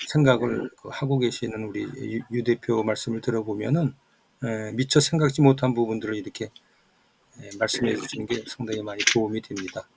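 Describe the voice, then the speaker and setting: A man moderating an online discussion group, talking haltingly with many fillers and repeated words, heard over a video call. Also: mid-range voice, creaky, a little hiss or hum.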